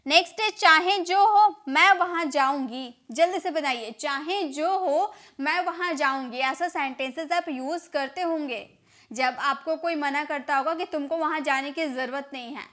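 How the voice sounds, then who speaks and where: A woman with an Indian accent teaching spoken English, repeating each phrase slowly and quizzing the listener. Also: sits high, a bit bright.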